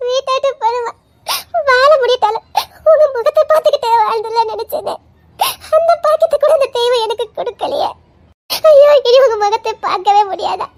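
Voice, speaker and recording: A woman's voice: very high voice, animated, moderate pace, a little mellow. A woman voicing a heartbroken young wife who cries and wails through her laments in an audio drama. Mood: weeping despair. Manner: sobbing, wailing laments. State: crying. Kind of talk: Tamil audio story acting.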